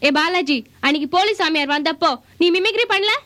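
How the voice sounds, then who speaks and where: A woman's voice: very high-pitched, brisk, pushed and bright, no room sound. An actress playing a young woman who claims a dead woman's spirit lives in her, pleading and indignant in turn. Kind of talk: comedy TV serial acting.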